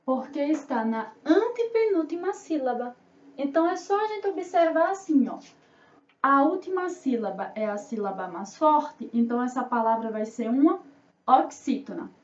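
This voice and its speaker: A Brazilian woman teaching young children, drawing out syllables and answering her own questions in a sing-song way. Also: high-pitched. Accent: Brazilian Portuguese. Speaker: primary school teacher. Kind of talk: remote class for children. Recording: roomy, distant, dull lo-fi sound.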